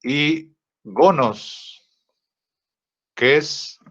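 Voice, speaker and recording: Slow halting male teacher, lo-fi audio. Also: fairly high pitch, a bit bright. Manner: slow, halting, many fillers and rhetorical checks. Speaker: design teacher. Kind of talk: software tutorial lesson. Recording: dull lo-fi audio.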